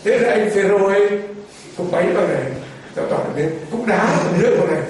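Man preaching a story sermon, high voice, super echoey, sounds far from the mic. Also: a little fast, slight background noise. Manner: lively, acts out characters' voices with laughter. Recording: echoey room from far off with faint ambience.

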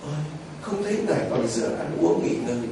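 A man's voice: medium pitch, very animated, brisk, mellow, slight background noise. A man preaching a sermon as a priest, telling the story with exclamations and vivid storytelling. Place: church. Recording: echoey church heard from far off.

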